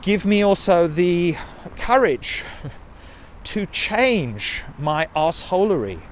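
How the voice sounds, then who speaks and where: A middle-aged South African man with a South African accent rambles in a casual recorded message, swearing and poking fun at himself. He makes video messages; his voice is high-pitched and slow with big pitch swings, captured on a handheld recorder with slight background noise.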